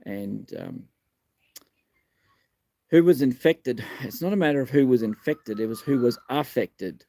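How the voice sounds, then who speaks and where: A man's voice: mid-range voice, a little slow, vocal fry, mellow. An Australian man in his fifties with a missing front tooth, speaking live in blunt, emphatic, sweary short phrases. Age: 50s. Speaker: live-stream host and community advocate. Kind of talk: live political talk, answering viewer questions.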